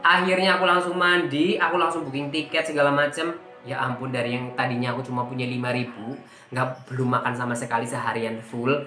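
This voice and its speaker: A man vlogger telling a personal story in casual talk, emotional and animated, acting out what people said. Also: mid-range voice, a little fast. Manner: emotional, animated retelling with acted-out quotes. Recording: echoey room with faint background music.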